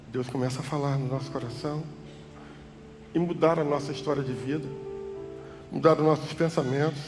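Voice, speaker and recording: A male pastor with a Brazilian Portuguese accent preaching a sermon, swinging from loud cries to soft, hushed tones. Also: fairly high pitch. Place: church hall. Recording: church hall reverb with music behind.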